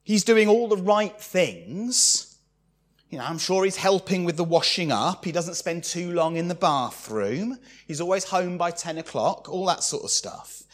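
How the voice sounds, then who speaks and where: A man preaching a sermon, expressive and acting out the lines he quotes. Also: high-pitched, unhurried.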